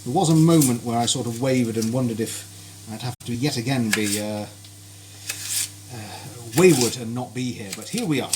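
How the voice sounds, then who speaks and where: During a live cooking stream from his home kitchen, a man speaks at normal speed in a medium pitch, chatting cheerfully and politely and greeting viewers by name. Frying sizzles amid kitchen noise.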